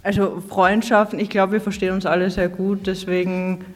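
A young woman from Austria, an intern guest on a podcast, answering in a relaxed, chatty way. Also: mid-range voice, moderate pace, slight background noise. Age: young adult. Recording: roomy recording.

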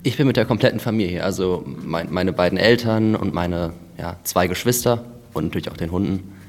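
A young man from Berlin answers questions as a podcast guest, quiet and plain in manner. His voice is very deep. The recording has a roomy reverb. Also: a little fast, a little hiss or hum. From Berlin, Germany. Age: young adult. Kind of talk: casual interview answers.

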